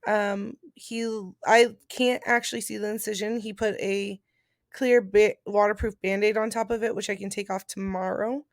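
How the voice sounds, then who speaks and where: A woman speaks in an informal, explanatory way, like a casual vlog chat. Her voice has a noticeable gravelly fry at a middle pitch. The sound is dry, with very little room in it. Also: fairly even intonation, normal speed, no room sound. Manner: informal, explanatory, reading out points then paraphrasing. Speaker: vlogger and post-surgery patient. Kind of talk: casual chat about recovery.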